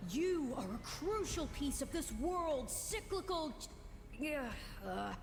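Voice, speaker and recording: A woman's voice: high voice, big pitch swings, slow, heavy background noise, exaggerated voice. A woman voicing a haughty, childlike otherworldly being in a video game, with a formal, teasing, condescending manner. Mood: blunt, imperious. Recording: long reverb, loud background ambience.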